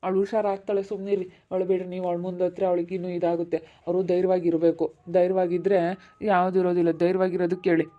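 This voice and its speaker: A woman voicing a calm female relative who quickly reassures the family and urges courage, with a rural Chitradurga Kannada accent. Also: lowish voice, phone-quality sound, lightly acted. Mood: reassuring.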